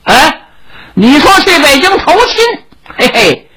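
A woman's voice: high voice, sing-song, unhurried, fairly bright tone, voice pushed up, exaggerated voice, poor audio. A woman voicing a menacing male monk who threatens a child, sneering and mock-pious.

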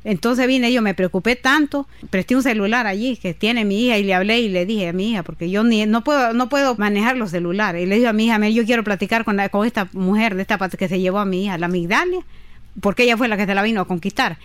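A middle-aged Nicaraguan-accented woman tells her account in a rambling way, restarting her sentences. Her voice is smooth and clear, recorded dry. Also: medium pitch, quick pace, no echo. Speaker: interviewee, mother. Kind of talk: personal testimony.

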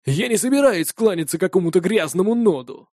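Guy reading as a cocky sneering viking fighter, pitched up, dry close sound. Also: expressive, brisk, a little mellow, no echo. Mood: scornful defiant. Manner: sneering, scornful. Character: defiant insolent young male viking warrior.

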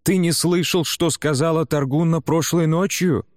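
A male narrator voices a wary, hot-tempered young warrior brother who speaks in sharp, urgent outbursts. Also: sits low, normal speed, big-room sound, close to an everyday voice. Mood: angry.

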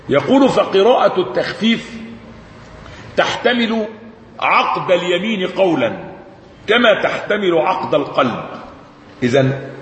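A man's voice: high-pitched, fairly bright tone. A man with an Egyptian accent teaching Islamic jurisprudence in a classroom lecture, reading out quoted sources and explaining them step by step. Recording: echoey hall with faint noise.

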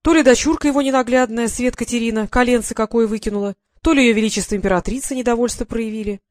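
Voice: mid-range voice, fast talker, no room sound, studio quality, close to an everyday voice. A reader voicing a nervous, obsequious male clerk who fawns before his superior. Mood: fawning. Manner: obsequious, wheedling. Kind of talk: audiobook character voice.

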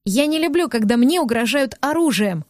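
A woman's voice: sits high, expressive, normal speed, no echo, studio quality. A woman reading the part of a proud, stubborn young woman who answers back with indignation in an audiobook. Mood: indignant. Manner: indignant, sharp, defiant.

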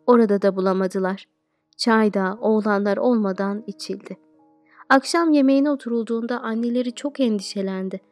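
Woman audiobook narrator, higher voice, dry close sound, faint music behind. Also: darkish tone, no room sound. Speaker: teacher reading an audiobook.

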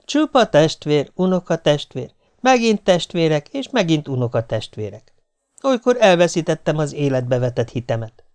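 A man's voice: on the high side, big pitch swings, darkish tone, clean tone, voice pushed up. A man voicing a dry, unflappable mother. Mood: wistful. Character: calm unflappable mother, middle-aged woman writer.

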